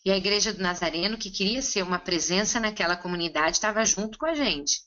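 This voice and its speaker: A woman interpreting a seminar consecutively, relaying each line in a steady, conversational way. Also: mid-range voice, quick pace, highs cut off.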